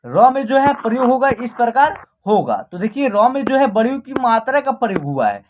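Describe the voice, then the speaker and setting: A woman runs an online reading lesson in a slightly high voice. She speaks patiently, checks in with the learner again and again, and stretches each long vowel slowly when she demonstrates it. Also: sing-song, a little mellow, a little hiss or hum. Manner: patient, repeats "ठीक है ना", draws out sounds when pronouncing. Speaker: Hindi reading teacher.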